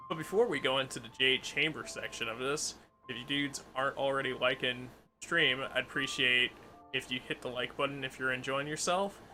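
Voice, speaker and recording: A male game streamer with a very bright, forward voice. He comments casually and slangily on what he plays, with faint music behind him. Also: medium pitch. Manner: informal, slangy, reacting aloud. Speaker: video game livestreamer.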